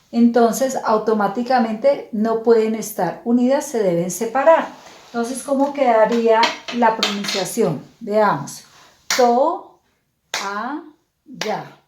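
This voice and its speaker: A woman teacher explaining grammar slowly and patiently, spelling out words syllable by syllable. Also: on the high side, a little mellow, reverberant. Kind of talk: slow, clear classroom explanation.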